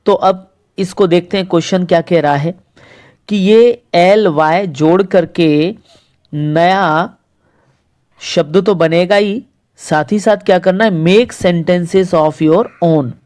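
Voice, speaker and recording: Slow patient teacher going over a school exercise, says each word twice, middle pitch. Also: a little mellow. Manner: patient, repeats words slowly for pupils. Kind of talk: explaining a school textbook exercise. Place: recorded lesson video.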